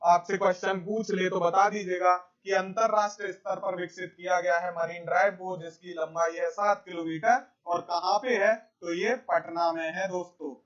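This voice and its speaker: A man's voice: high-pitched, steady tone, moderate pace, few pauses, fairly bright tone, lo-fi sound. A man giving a current affairs exam lecture over slides, repeating key facts and calling his viewers friends. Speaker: exam coaching teacher.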